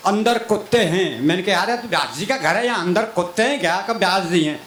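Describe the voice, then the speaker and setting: An older man performing comic poetry on stage, declaiming loudly and teasing the other poets. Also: sits high, animated, brisk, very noisy. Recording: echoey stage PA sound.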